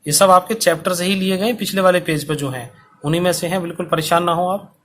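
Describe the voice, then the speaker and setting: A male teacher explaining a Sanskrit lesson to school students, speaking slowly and deliberately so they can write along. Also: high voice, a bit bright. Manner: slow, dictation-paced explanation. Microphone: recorded for online video.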